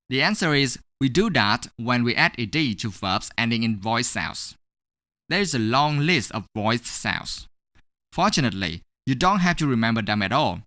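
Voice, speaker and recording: A man narrates an online English pronunciation lesson in a bright, clear voice that rises and falls a lot. He talks slowly and deliberately and repeats each example word for practice. The sound is dry and close, with no room echo. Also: medium pitch. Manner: slow, deliberate, repeats words for drilling.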